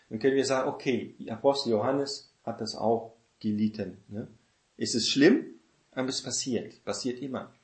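Man teaching the Bible in an echoey room. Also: mid-range voice. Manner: conversational, often adds "ne?" as a tag; repeats phrases for emphasis, rhetorical questions.

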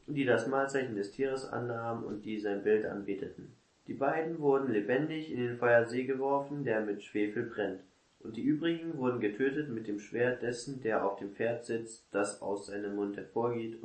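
A man reading a long scripture passage aloud during a Bible study, steady and careful. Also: mid-range voice, roomy sound.

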